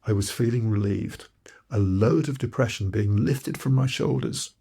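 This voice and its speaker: A man's voice: lowish voice, moderate pace, vocal fry, mellow, slightly rough. A man from Malawi, narrating his own audiobook in a reflective, earnest storytelling way. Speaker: author and narrator.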